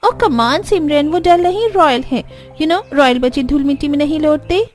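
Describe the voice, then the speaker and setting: A pampered, haughty young mother drawls every line in a high, whiny, dismissive voice, as a woman acts her out in a cartoon. Soft music sits faintly behind her. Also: expressive, normal speed. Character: spoiled rich young mother, careless and haughty.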